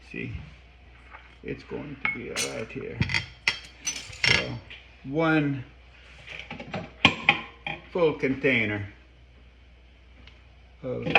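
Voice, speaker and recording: A man cooking at home in his kitchen, talking through a recipe in a chatty, halting way with playful mock-Italian phrasing. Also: mid-range voice, creaky, reverberant, very noisy. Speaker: home cook. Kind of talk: casual cooking demonstration.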